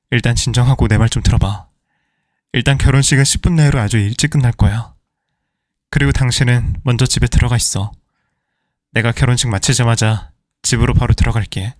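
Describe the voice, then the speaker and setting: A man's voice: medium pitch, dry recording, studio quality, lightly acted. A man playing an evasive middle-aged husband who pleads and placates his angry wife.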